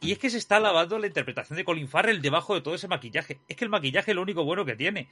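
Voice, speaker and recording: A man co-hosting a casual film review chat, animated and repeating his points for emphasis. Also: high voice, very fast, slightly rough, dry recording. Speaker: podcast co-host reviewing a film.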